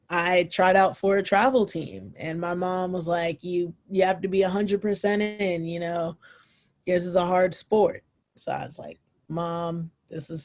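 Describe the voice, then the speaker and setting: A woman's voice: fairly low pitch, a little mellow. A young woman, a former college footballer, casually telling her story as a podcast guest, with many fillers and restarts.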